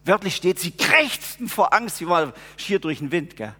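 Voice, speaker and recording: A man's voice: high-pitched, very animated, moderate pace, a bit bright, slightly rough. A preacher, explaining scripture in an earnest, conversational sermon. His voice carries a long reverb through a church.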